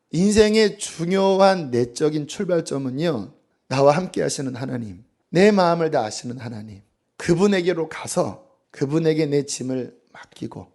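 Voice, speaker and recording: A male pastor giving an early-morning church sermon, telling stories with lively acted-out quotes and sometimes dropping to a near whisper. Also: on the high side. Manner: animated storytelling, acting out quoted voices, dropping to a hush. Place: church sanctuary.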